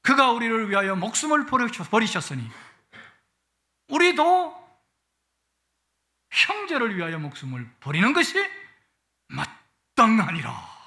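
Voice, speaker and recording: Animated man preaching with bright voice. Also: extremely high pitch, unhurried, pauses often. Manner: playful, animated preaching that swells with emotion. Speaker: guest pastor. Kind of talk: sermon. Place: church sanctuary.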